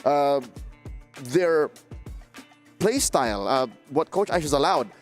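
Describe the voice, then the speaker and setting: A man's voice: on the high side, animated, slow pace. A man hosts an esports analyst desk and steers the talk with questions. His delivery is bantering and conversational. Faint music runs behind him.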